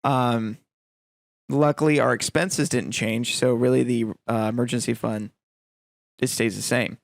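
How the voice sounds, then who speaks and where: A man's voice: medium pitch, steady tone, unhurried, gravelly, no room sound, studio quality. A man co-hosting a podcast, chatting casually and telling stories with acted-out quotes and lots of fillers. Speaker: podcast co-host. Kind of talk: casual chat.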